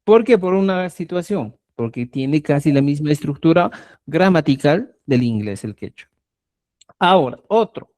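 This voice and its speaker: A man's voice: on the high side, unhurried. A man teaching a live online language class, explaining grammar and checking in with his students again and again. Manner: lively, checks in constantly with "¿ya?". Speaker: Quechua teacher. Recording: live video call.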